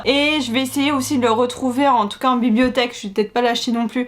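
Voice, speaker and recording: A young woman with a fairly high voice talks casually to her camera at home. She is chatty and a little rambling, often breaking off and restarting her sentences. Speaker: book vlogger. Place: room at home with books behind her. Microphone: camera in front, computer to the side.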